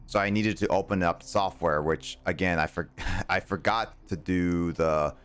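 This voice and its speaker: A man's voice: low voice, fairly even intonation, a little slow, fairly bright tone, smooth. A young man giving casual live gameplay commentary, rambling and hesitant as he thinks aloud. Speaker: video game streamer. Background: game music.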